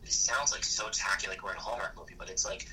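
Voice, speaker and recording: A man's voice: deep voice, fast, distant mic, slight background noise, rough recording. A man in his early thirties, an actor and photographer, chatting casually and telling stories with lots of "like". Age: early 30s. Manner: chatty, animated storyteller with frequent "like". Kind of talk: casual conversation.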